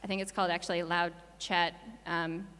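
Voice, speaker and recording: A woman making informal, jokey, halting announcements from a stage as an event organiser. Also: on the low side, little pitch movement, bright, forceful tone, clean tone. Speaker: conference organiser and presenter. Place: on stage in a hall. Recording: reverberant hall sound.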